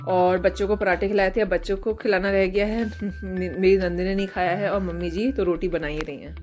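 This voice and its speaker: Chatty young woman with a cold. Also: mid-range voice. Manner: chatty, running commentary on chores. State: hoarse with a cold. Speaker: family vlogger. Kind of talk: casual home vlog narration.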